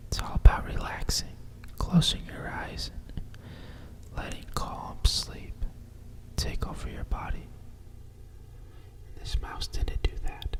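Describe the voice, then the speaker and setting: A storyteller whispers a bedtime picture book softly and soothingly, right in the listener's ear, in an unhurried ASMR style. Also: distant mic, rough recording. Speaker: storyteller reading a picture book aloud with asides.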